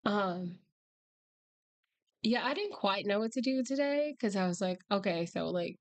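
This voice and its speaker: A woman livestream host chatting casually and rambling wryly, her voice hoarse, strained and breaking from being sick. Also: fairly high pitch, expressive, unhurried. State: hoarse, voice nearly lost from illness. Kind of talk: casual livestream chat with viewers.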